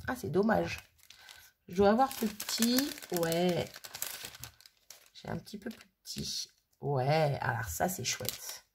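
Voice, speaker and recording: A woman's voice: medium pitch, gravelly, slight background noise. A woman casually thinking aloud as she works on a craft project, chatting and muttering to herself at her worktable. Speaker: crafting vlogger.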